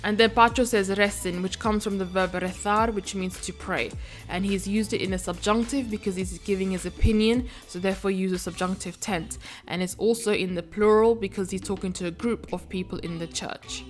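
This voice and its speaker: A woman at an average pitch gives a language lesson. She works through each phrase piece by piece in a patient, methodical way. Soft music plays faintly behind her. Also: steady tone, fairly quick. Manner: methodical, breaks phrases down step by step. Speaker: language teacher. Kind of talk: explanatory video lesson.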